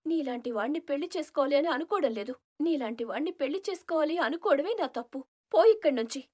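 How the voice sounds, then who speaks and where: A woman voicing a proud young village woman in an animated story, haughty and dismissive. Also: sits high, fast, voice pushed up, close to an everyday voice. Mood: scornful. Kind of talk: storybook cartoon voice acting.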